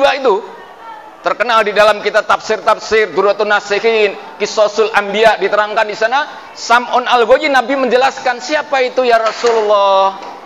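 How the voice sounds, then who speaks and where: High-voiced male preacher in an echoey hall. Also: sharp tone, slight background noise. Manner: addresses listeners as Pak, asks them questions, chants Quranic verses slowly. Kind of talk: sermon. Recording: distant mic in a reverberant hall with faint ambience.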